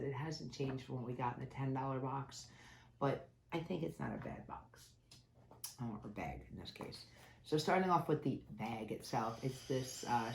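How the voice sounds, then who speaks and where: This woman's voice is rumbling low and gravelly, with a nasal quality from a cold. She's a beauty vlogger doing a casual unboxing chat about subscription boxes, chatty and candid, with complaints about packaging. Faint noise and echo fill the room.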